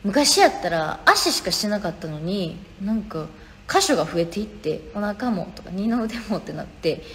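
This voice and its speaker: Speaking in a medium pitch at a moderate pace, this young Kansai-accented woman sounds very animated. She runs a phone live stream where she reads out viewers' comments and replies casually and chattily. There's faint background noise and the room echoes.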